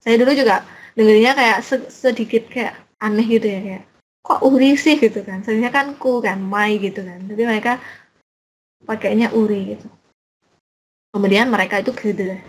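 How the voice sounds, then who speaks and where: A woman's voice: mid-range voice, steady tone, normal speed, slight background noise, rough recording. A young adult woman teaching a casual online language lesson, chatty and full of examples and fillers.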